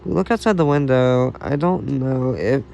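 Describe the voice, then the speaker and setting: A man reads his own fan fiction aloud, stumbling and correcting himself as he goes. His voice sits at an ordinary middle pitch. Faint vehicle noise hums in the background. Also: lively intonation, vocal fry, dark tone, dull audio. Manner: halting, frequent restarts and self-corrections. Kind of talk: amateur fan story reading.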